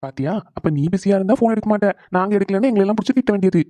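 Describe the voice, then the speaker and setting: A man voicing a caring husband in a cartoon, talking quickly and reassuringly. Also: high voice, dark tone, no room sound, lightly acted. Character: caring husband on the phone with his wife. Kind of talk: animated cartoon voice acting.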